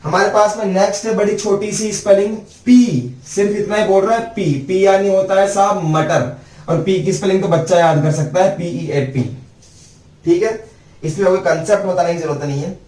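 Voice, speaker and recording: A man's voice: high voice, fairly even intonation, darkish tone. A male teacher giving a spelling lesson, drawing out letters one by one at a board. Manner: slow, drawn-out letter-by-letter spelling. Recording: echoey room, mic at a distance.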